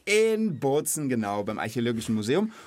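A man with a medium-pitched, slightly mellow voice talks a little fast, his pitch swinging widely. He hosts a children's knowledge podcast, explaining things to a child in a casual, curious way and checking in with questions.

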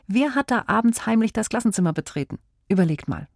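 A woman's voice: mid-range voice, animated, fast talker, gravelly, a little mellow, dry recording, soft background music. A woman hosting a children's mystery show, encouraging the listeners and asking them questions, close to a studio mic. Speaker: host. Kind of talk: quiz host addressing children.

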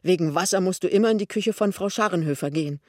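A man's voice: sits high, fast, a little mellow, no room sound, studio quality, lightly acted. A man playing an anxious, hasty young husband. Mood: worried.

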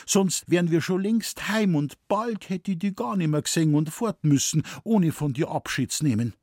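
Casting: male reader doing a young village girl, higher and eager, slightly husky. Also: animated, moderate pace, a little mellow, no echo, clean studio sound. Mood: earnest.

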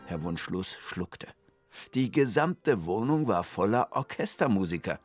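Lively, low-voiced male storyteller. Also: a little slow, soft background music. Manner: expressive, storytelling. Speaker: narrator. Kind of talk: children's radio story narration.

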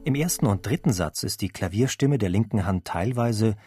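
A man with a fairly low voice narrates a documentary script at a measured, even pace. Soft classical music plays quietly underneath him, and his delivery stays steady and composed throughout. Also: husky, dry recording. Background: faint classical music.

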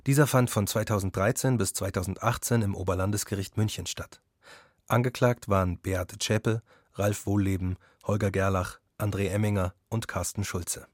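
A male host reads a scripted podcast intro in a steady, even way. His voice is low and husky, and the sound is dry and close. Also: moderate pace, dry recording.

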